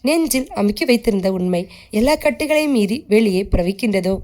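Reading a short story in a medium-pitched voice, this woman keeps a moderate pace and a steady, scripted delivery. She doesn't stray far from her natural voice when voicing the characters.

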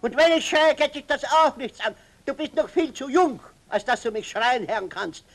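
A jealous, quick-tempered husband grumbles and snaps in an old comic scene. His voice is pitched strikingly high. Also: animated, heavily acted. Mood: grumpy. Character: grumpy jealous husband woken at night. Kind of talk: 1950s comedy sketch acting.

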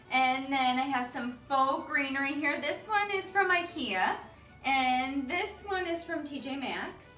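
High-pitched chatty, gushing woman giving a home tour. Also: sharp tone. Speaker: home decor vlogger giving a house tour. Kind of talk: casual home tour narration. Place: living and dining rooms of a house. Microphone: camera a few metres away. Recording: roomy, distant camera mic, music behind.

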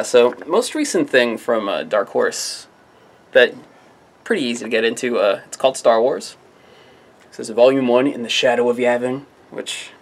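A man's voice: medium pitch, gravelly. A man from a comic shop casually running through new comics to camera, rambling and offhand, with jokey self-mocking asides. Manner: rambling, offhand, often trailing into "I don't know". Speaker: comic shop staff presenting new releases. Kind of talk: casual product rundown to camera.

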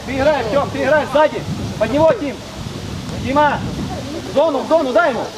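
A man's voice: extremely high pitch, a little fast, far from the mic. A man coaching youth football from the touchline, calling out urgent, clipped, repetitive instructions and players' names. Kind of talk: shouted touchline instructions during a match. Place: outdoors at a football pitch touchline. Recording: windy outdoor noise, loud and rough.

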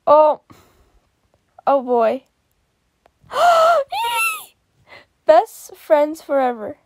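A woman casually reacting to fan art, excitable and giggly, gasping and exclaiming often. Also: high voice, dry recording.

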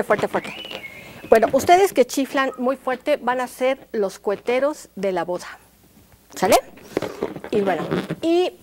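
High-voiced woman teacher. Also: background noise. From Mexico. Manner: animated, coaxing audience call-and-response. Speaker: music teacher leading a children's program. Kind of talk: educational show for kids. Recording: music playing behind the voice.

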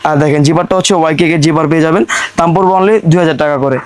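A Bangladeshi man working as a shop seller, giving a hard-sell pitch in insistent, repetitive patter. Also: fairly even intonation, rapid-fire, clear, resonant tone, dry recording. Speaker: shop seller presenting products.

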